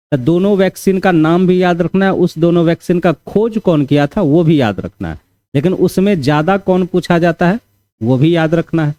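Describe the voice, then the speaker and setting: Teaching an exam preparation class, this man has a warm voice on the high side, captured in a dry recording. He repeats key points often in a relaxed, conversational way and keeps checking in with "theek hai."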